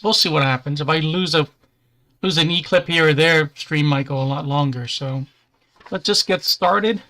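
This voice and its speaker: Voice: mid-range voice, a bit bright. Chatty, easygoing livestream host. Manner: chatty and easygoing, with dry self-deprecating humor. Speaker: livestream host building a model kit. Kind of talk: casual livestream chat.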